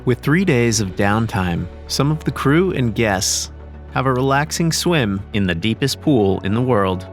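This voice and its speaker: A man's voice: medium pitch, animated, a little slow, music in the background. A man reading scripted documentary narration.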